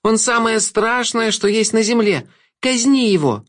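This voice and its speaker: A man voicing an embittered young woman who demands revenge in an audiobook, in a high, pleading and urgent voice. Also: expressive, a little slow, fairly bright tone. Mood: urgent, bitter.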